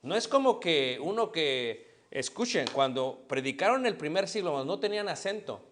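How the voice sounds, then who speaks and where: Middle-aged Mexican male preacher, slightly high voice, questions and answers his own points. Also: very animated, moderate pace, a bit bright, slight background noise. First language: Spanish. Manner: asks the congregation questions and answers them himself. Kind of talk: sermon.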